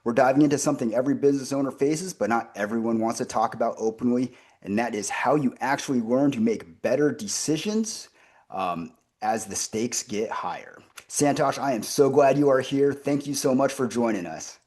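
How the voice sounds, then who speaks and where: A man with a mid-range, darkish voice hosts a business interview podcast at a moderate pace. The conversation is upbeat and enthusiastic, and he uses fillers frequently.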